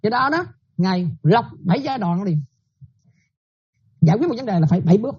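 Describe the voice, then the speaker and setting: A woman's voice: medium pitch, lively intonation, a little fast, slightly rough, highs cut off. A Buddhist nun giving a dharma talk, often checking that her listeners follow and repeating her points.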